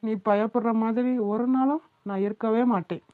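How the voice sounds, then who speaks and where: A woman's voice: on the high side, fairly even intonation, moderate pace, natural voice. A woman voicing a doting, playful young husband in a cartoon who coaxes his wife affectionately. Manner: affectionate, coaxing. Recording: tinny phone-like sound.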